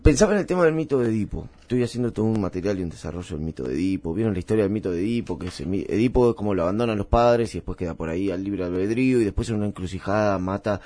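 An Argentine man talking as a guest on a radio show, his pitch swinging widely as he tells jokes. He rambles, backtracks and laughs at his own bits, heard through a studio microphone. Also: animated, racing, few pauses, mellow. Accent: Argentine Spanish. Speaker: comedian guest. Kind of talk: casual interview banter with comic bits.

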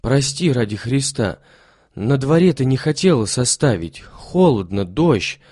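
A man's voice: mid-range voice, animated, unhurried, a little mellow, no room sound, studio quality. A man voicing a timid, humble old soldier who talks meekly and gratefully in a storybook reading. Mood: reminiscing. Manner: meek, pious, grateful.

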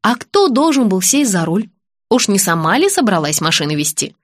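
A woman's voice: medium pitch, very animated, moderate pace, dry recording, studio quality. A woman reading an audiobook, voicing a bossy, sarcastic businessman who mocks and gives orders. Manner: mocking, commanding. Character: businessman friend, adult man, sarcastic and bossy.

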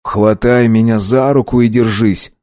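A man's voice: medium pitch, steady tone, a little slow, mellow, dry recording, studio quality, lightly acted. A man playing a wry, tired young male cadet who teases his friend. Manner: wry, teasing.

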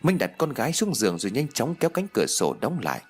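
Husky man narrating a ghost story. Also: mid-range voice, huge pitch swings, quick pace, faint music behind. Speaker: audiobook narrator.

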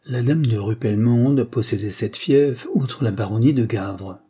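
A man narrating classic fiction as an audiobook, reading in a measured, dramatic way. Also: mid-range voice, warm tone, husky.

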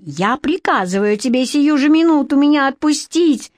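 Spoiled young storybook queen, shrill and whiny, woman reader, high voice, dry booth sound. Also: lively intonation, moderate pace, a little mellow, no echo. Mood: shrill indignant. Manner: shrill, pleading and indignant.

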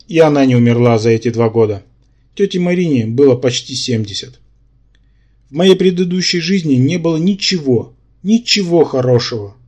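A man narrating a first-person fantasy audiobook in steady storytelling with wry asides. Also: medium pitch.

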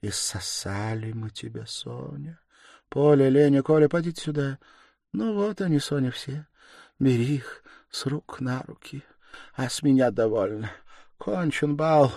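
A man reading an audiobook voices a dying, delirious woman with a hoarse, gasping voice and shrill, desperate cries. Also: measured pace, warm tone, no room sound, clean studio sound. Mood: weary. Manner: shrill cries and sudden outbursts.

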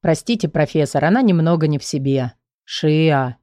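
A woman voicing a gentle young man. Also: sits low, animated, normal speed, no echo, clean studio sound, pitched below the performer's own voice. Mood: soothing. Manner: soft, gentle, reassuring. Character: young male student mage, calm, protective.

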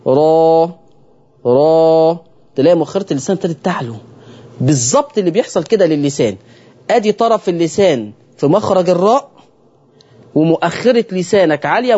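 A man's voice: fairly high pitch, warm tone, husky, dull audio. A man with an Egyptian accent teaching Quran recitation on a broadcast lesson, speaking straight to his listeners and repeating key phrases.

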